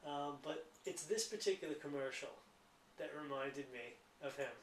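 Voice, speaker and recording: American dude in his 30s rambling at the camera, slightly high voice, faint hiss behind. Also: normal speed, roomy sound. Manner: rambling, talkative, offhand. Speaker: vlogger. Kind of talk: casual chat to camera.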